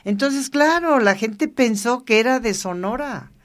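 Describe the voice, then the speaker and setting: Older woman telling lively stories. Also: a little high, unhurried. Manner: lively anecdotal storytelling, laughs often, acts out quoted dialogue. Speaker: interview guest. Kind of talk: casual storytelling interview.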